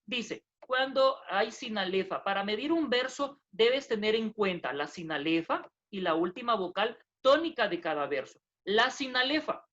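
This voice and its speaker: A woman's voice: mid-range voice, fairly bright tone. A woman teaching a recorded lesson in a patient, plodding way, going over points twice and stopping to check with short questions. Her voice sits in a middle range, and the recording sounds dull and lo-fi. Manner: patient, repeats herself, tag questions, self-corrections. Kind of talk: recorded lesson explaining poetry meter.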